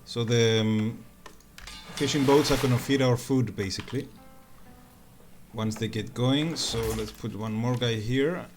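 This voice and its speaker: Music plays in the background as a male game streamer talks at a measured pace in a medium-pitched voice. His live commentary mixes jokes for chat with spoken-aloud thinking about his moves.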